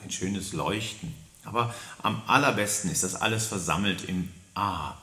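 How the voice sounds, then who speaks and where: A man leading a singing warm-up lesson, coaching listeners and demonstrating syllables and vowels in a high falsetto. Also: moderate pace, echoey room. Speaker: singing teacher.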